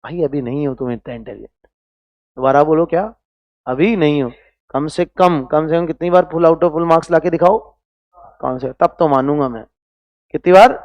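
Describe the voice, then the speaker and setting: A man's voice: fairly high pitch, moderate pace, a little mellow, no room sound, highs cut off. A man teaching chemistry in an online class, constantly quizzing students with rhetorical questions and mixing in English phrases, with scolding, motivational asides. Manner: mixes Hindi with English phrases.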